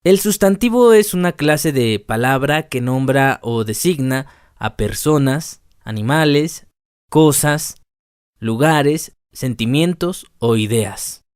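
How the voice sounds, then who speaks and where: A man narrating a scripted language lesson, reading word lists slowly and deliberately. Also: medium pitch, expressive, clean tone, no echo, studio quality. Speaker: language teacher.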